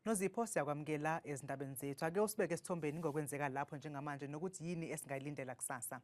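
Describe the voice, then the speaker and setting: A woman's voice: sits low, rapid-fire, darkish tone. A woman with a Zulu accent presenting scripted news as a studio anchor.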